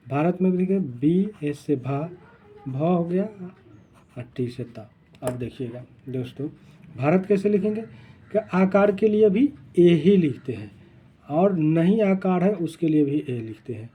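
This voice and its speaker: A man teaching spelling in a lesson, repeating each word slowly to drill its pronunciation. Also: fairly high pitch, husky, dull audio.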